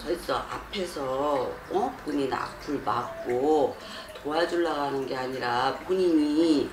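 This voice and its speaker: A woman's voice: sits low, takes it slowly, roomy sound, noisy background. A woman shaman fortune teller bluntly counseling a client, scolding her and pressing with rhetorical questions.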